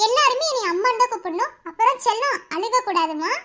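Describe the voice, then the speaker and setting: A woman's voice: extremely high pitch, animated, fast talker, sharp tone. A woman voicing a Tamil cartoon story, talking in a sweet, coaxing, motherly way to children. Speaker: voice of cartoon characters.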